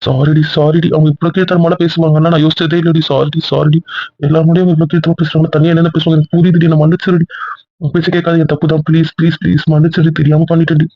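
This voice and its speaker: A man's voice: fairly high pitch, flat delivery, racing, dry recording. A man playing a remorseful young husband who begs his wife for forgiveness, in an amateur audio drama on a dull lo-fi recording. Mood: pleading. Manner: pleading, repetitive begging.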